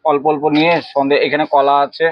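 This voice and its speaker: A man acting as temple priest, briskly directing devotees as they set out offerings and chanting prayers during worship. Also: on the high side, level tone, no room sound, highs cut off. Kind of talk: live devotional worship vlog.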